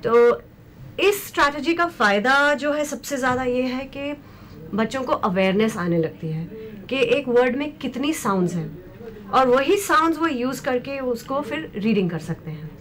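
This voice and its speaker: A woman teaching as a special education expert, speaking in a slow, deliberate way and mixing Hindi with English. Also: sits high, expressive, a bit bright. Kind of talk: explanatory lecture discussion.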